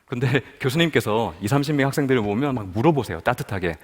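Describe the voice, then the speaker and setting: Speaking fast in a mid-range voice, an animated man from Busan, South Korea shares his testimony as a guest speaker at a prayer meeting in a hall. He tells his story and puts questions to the audience.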